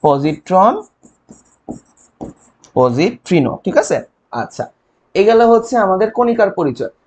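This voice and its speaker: Young male tutor, high voice, Bangladeshi Bengali accent, quiz-style exam-prep delivery, constant check-ins. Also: sing-song, measured pace, a little mellow, highs cut off, faint music behind. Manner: quizzing with rhetorical questions and mnemonics; frequent "ঠিক আছে?" check-ins. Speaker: chemistry tutor. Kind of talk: online exam-prep lecture.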